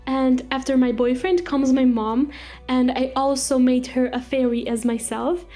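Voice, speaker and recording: A woman's voice: high-pitched, fairly even intonation, measured pace, warm tone, soft background music. A young woman from Croatia, hosting a casual game voice-over and chatting in an upbeat way with small laughs. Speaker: Sims builder and channel host.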